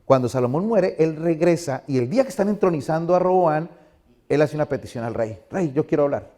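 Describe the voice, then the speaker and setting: A man's voice: a little high, lively intonation, fairly quick, dark tone. A middle-aged male pastor giving a conversational sermon in a church, asking the congregation questions.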